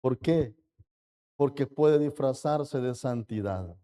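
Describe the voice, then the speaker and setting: A man's voice: medium pitch, takes it slowly, dark tone. A man preaching a fervent sermon as pastor, often turning to the congregation with direct questions and acting out the boasts of proud believers.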